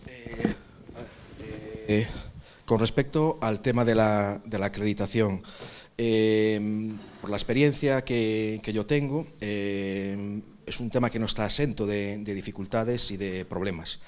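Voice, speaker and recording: A man from Galicia, answering questions at a workshop panel in a measured way, often pausing to find his words. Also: lowish voice, fairly even intonation. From Galicia, Spain. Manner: measured, searching for words, frequent pauses. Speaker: workshop presenter, archaeological park director.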